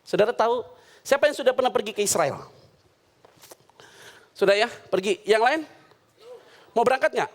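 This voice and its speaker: Lively high-pitched joking male preacher. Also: normal speed, pauses often. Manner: animated, jokes and voices quoted characters. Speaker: pastor. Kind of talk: humorous sermon with storytelling. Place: church hall.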